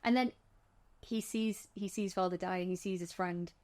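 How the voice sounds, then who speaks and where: A woman's voice: fairly low pitch, steady tone, moderate pace, darkish tone. Chatty woman recapping a film. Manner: chatty, restarts often, vivid retelling. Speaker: podcast co-host. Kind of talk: casual film discussion.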